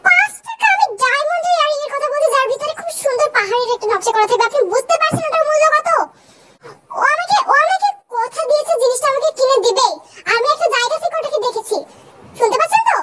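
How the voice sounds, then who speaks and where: A woman's voice: very high voice, fast talker, slight background noise. Woman doing a whiny, jilted ex-girlfriend. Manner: loud, whiny, repeats herself. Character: jilted, dramatic young ex-girlfriend calling from a hill. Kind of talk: comic fan dubbing.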